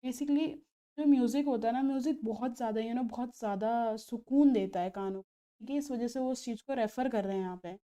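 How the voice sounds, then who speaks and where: A woman teacher, explaining a play to students in a mix of languages and slowly reading its lines aloud. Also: fairly high pitch, warm tone.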